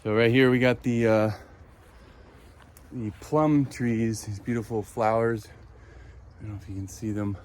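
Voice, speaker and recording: A man hosting a casual garden tour vlog outdoors, slightly out of breath and rambling with many pauses. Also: on the low side, fairly even intonation, a little mellow. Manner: rambling, with many ums and uhs.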